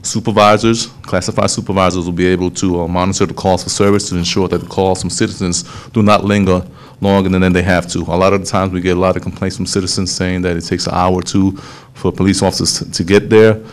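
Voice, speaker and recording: A man, a police official explaining a program to a town hall meeting, steady and explanatory, often restarting phrases. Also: low-pitched, quick pace, slight background noise. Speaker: police official presenting to city council.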